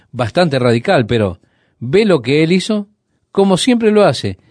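A man preaching a sermon. He retells a Bible story in a conversational way, asks the listeners rhetorical questions and slows down to stress key sayings. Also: on the high side, darkish tone, no echo, studio quality.

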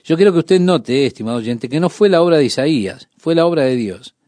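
A man preaching a sermon on the radio, speaking in a measured, emphatic way and addressing the listener directly. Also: fairly high pitch, animated, mellow, dry recording, studio quality.

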